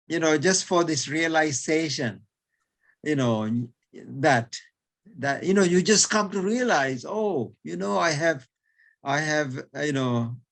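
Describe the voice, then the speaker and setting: Male teacher, fairly high voice, slow and halting, lots of fillers and chuckles. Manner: hesitant, repeats words, many fillers; chuckles between points. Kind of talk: explaining in an online lesson.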